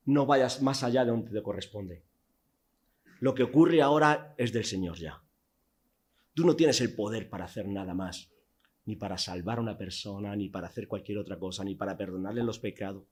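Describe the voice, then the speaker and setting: A man from Spain, preaching a sermon in a church hall, telling the story vividly with rhetorical questions and swings from loud to hushed. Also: fairly low pitch, normal speed, long pauses, husky.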